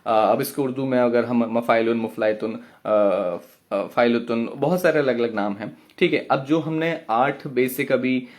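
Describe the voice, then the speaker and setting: A man teaching a poetry workshop, chanting syllables and beat counts in a drawn-out way. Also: mid-range voice. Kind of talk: online lesson.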